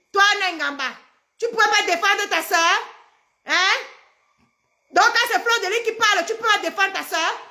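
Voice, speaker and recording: A woman's voice: very high-pitched, vocal fry. A middle-aged pregnant woman, ranting angrily on a live stream, trading insults and mocking her rivals. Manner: shouting insults, mocking, repetitive. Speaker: social media personality. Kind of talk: angry live-stream rant.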